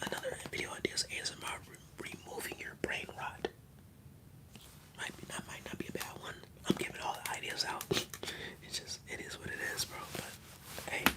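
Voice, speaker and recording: On a livestream, an ASMR streamer whispers fairly quickly, the voice mostly unvoiced, chatting in a casual, rambling, slangy way. The recording quality is low.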